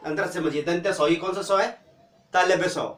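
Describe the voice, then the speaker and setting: A man teaching an English pronunciation lesson, spelling out letters slowly and asking and answering his own questions. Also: sits high, steady tone, a bit bright, far from the mic. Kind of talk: classroom-style phonics lesson. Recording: echoey room, voice from off-mic.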